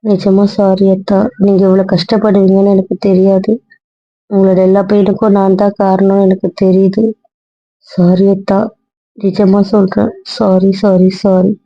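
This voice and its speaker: A woman's voice: mid-range voice, monotone, moderate pace, no echo, lightly acted. Woman playing a pleading anxious young wife. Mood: apologetic. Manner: pleading, repeating apologies. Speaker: wife in couple role-play. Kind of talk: Tamil audio drama role-play. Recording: dull lo-fi recording, dry.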